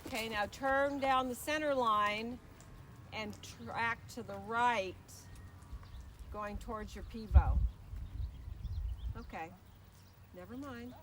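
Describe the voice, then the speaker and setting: A woman with a fairly high voice coaches a horse rider, projecting brisk, short commands mixed with steady encouragement. The recording is clearly noisy, with hoof clip-clop and arena ambience around her. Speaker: horse riding instructor. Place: riding arena among horses.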